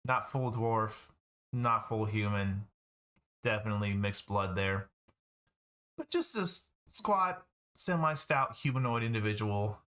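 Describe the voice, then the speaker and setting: A man narrating a tabletop game as game master, describing scenes in a relaxed, drawn-out way. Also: on the low side.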